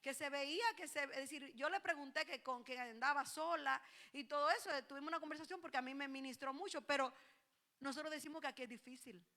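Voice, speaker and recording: A woman pastor delivers a sermon in a high, bright voice. Her preaching is animated, building to loud exclamations, and she quotes her congregants back to them in dialogue. Her tone stays sharp and clear throughout. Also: quick pace.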